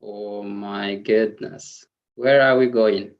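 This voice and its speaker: A man from Norway giving a slow, effusive, halting testimonial on a video call. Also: lowish voice, steady tone, muffled recording. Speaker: company member on a webinar. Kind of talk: casual testimonial.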